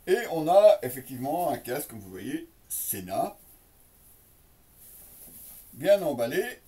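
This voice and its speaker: This presenter's mid-range voice swings widely in pitch, with a dark tone and slow delivery, picked up from a distance. He's a product reviewer doing a casual, improvised unboxing, hesitantly explaining things straight to his audience.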